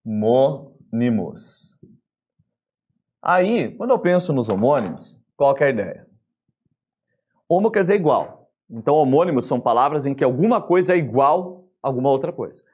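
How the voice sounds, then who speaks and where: A Brazilian man teaching a grammar lesson in a lively, chatty way, often asking the class questions. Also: medium pitch, moderate pace, husky. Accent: Brazilian Portuguese.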